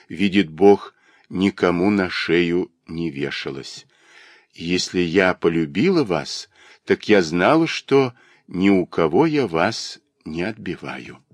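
A man's voice: low-pitched, dry recording, full character voice. A male audiobook reader voicing a young peasant woman who is devoted and jealous, speaking with reproachful, emotional pleading.

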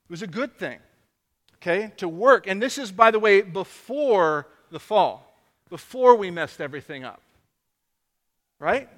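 A middle-aged man giving a sermon, his voice pitched high and bright, ringing with a long reverb. He talks conversationally, jokes at his own expense and restarts his phrases often. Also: expressive, measured pace, pauses often. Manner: conversational, self-deprecating, many restarts. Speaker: pastor.

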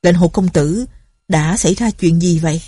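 A woman's voice: lowish voice, normal speed, mellow, breathy edge, no echo, clean studio sound. A woman voicing a polite, deferential older male martial artist in an audiobook. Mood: concerned.

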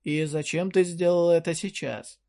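A man's voice: a little high, steady tone, moderate pace, vocal fry, darkish tone. Casting: narrator as a young male hero, wary and blunt, dry delivery. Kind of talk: audiobook character reading.

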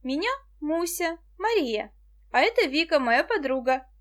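Shy, earnest young girl read by a woman, high-pitched, audiobook style. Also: big pitch swings, a little slow. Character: young girl Musya, shy but firm.

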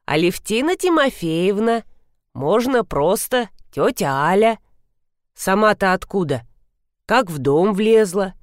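A woman's voice: medium pitch, big pitch swings, slow, no echo, clean studio sound. A woman voicing a chatty, wry old village woman with a folksy, dryly mocking way of talking, for an audiobook. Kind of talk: audiobook character voice.

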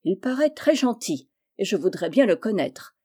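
Brief: lively determined young girl, eager tone, read by a woman narrator. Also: mid-range voice, moderate pace, husky. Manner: eager and decided. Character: spirited, determined teenage girl.

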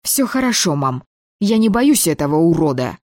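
A reader voicing a fierce, defiant young woman whose voice is hoarse from shouting, in an audiobook. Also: medium pitch, big pitch swings, moderate pace, dry recording, studio quality, natural voice. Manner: defiant, snapping retorts.

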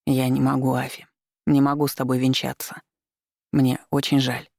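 A woman reading an audiobook, voicing a remorseful adult husband who speaks quietly and slowly, avoiding confrontation. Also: rumbling low, flat delivery, vocal fry, dry recording, clean studio sound, exaggerated voice. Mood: apologetic. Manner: quiet, slow and apologetic.

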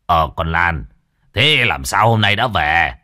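A man's voice: sits low, expressive, slow, sharp tone, no echo, clean studio sound, voice pushed down, heavily acted. A man voicing an anxious, blunt old grandfather who presses with questions.

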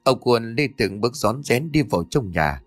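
A man's voice: mid-range voice, big pitch swings, normal speed, no room sound, soft background music. A man narrating a scripted horror story as a dramatic storyteller. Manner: dramatic storyteller, voices every character.

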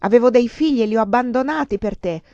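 A woman reading aloud, voicing a ruined, desperate man who shouts bitter accusations. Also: medium pitch, expressive, normal speed, no echo, lightly acted. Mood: raging. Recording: dull lo-fi dry recording.

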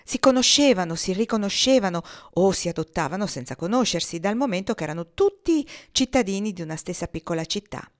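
A woman reading a novel aloud in a measured, expressive way. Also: mid-range voice. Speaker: reader.

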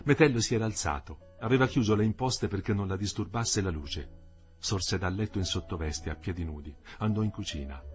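A man narrating a literary novel as an audiobook reader, expressive and measured. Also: on the low side, soft background music.

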